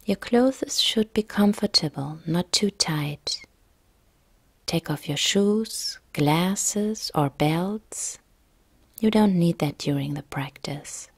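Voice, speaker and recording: A female yoga nidra instructor guides a relaxation meditation, speaking calmly, softly, gently, and breathily. Her voice is on the low side, she takes it slowly, and the recording is dry.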